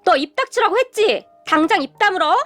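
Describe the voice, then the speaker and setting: Brief: bratty shrieking sister-in-law, very high and lively, read by a woman narrator. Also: a little fast, soft background music, heavily acted. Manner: shrieking, whiny. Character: bratty adult sister-in-law, shrill and spiteful.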